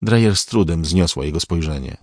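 A man reading a crime novel aloud in a measured, even way. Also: deep voice, no room sound, clean studio sound. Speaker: audiobook narrator. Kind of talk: scripted narration.

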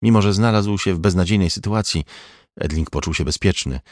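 A man reading an audiobook in a measured, even scripted narration. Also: low-pitched, no echo, studio quality.

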